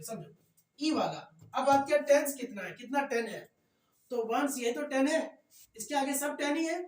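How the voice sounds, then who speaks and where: A man teaching a math lecture in class, repeating points and often checking that students follow. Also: very high-pitched. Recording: echoey room, voice far from mic.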